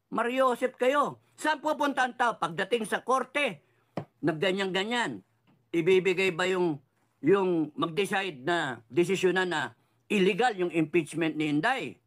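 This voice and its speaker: A fired-up middle-aged man rants about politics in a high, lively voice that leaps up and down. He is sarcastic and swears freely, dropping English phrases into his talk. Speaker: political commentator. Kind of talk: heated political rant.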